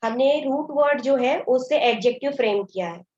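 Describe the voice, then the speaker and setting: Woman, grammar teacher, high voice, code-switches to Hindi, dull lo-fi recording. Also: brisk, darkish tone. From India. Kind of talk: classroom lesson explaining grammar.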